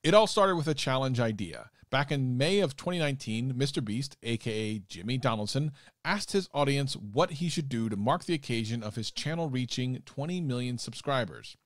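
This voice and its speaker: Relaxed man reading a script, dry sound. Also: medium pitch, moderate pace, no room sound. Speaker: guest youtuber.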